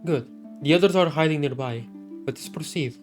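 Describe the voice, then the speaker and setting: A man's voice: a little high, a little fast. A man reacting casually to a video game's dialogue as he plays along. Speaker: gamer playing along. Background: game music.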